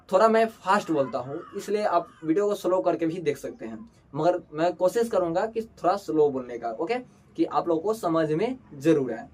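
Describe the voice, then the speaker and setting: A man teaching a board-exam lesson, asking questions and answering them himself and calling students "babu". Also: fairly high pitch. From Bihar. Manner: colloquial, calls students "babu". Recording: distant mic with faint background noise.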